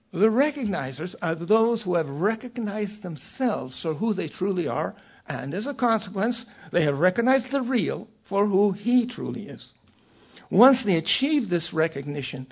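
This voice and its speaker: An older man giving a scholarly lecture from a prepared text, in a measured, erudite professorial manner with a raspy voice. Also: sits high, lo-fi sound. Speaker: academic lecturer.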